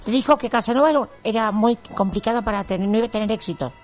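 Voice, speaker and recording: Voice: mid-range voice, racing, faint music behind, natural voice. A performer voicing a naive, childlike grown man of tiny size, earnest and rambling, with a Rioplatense Argentine accent, in an improvised radio comedy sketch. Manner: earnest, rambling, matter-of-fact about absurd claims. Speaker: comedy character guest.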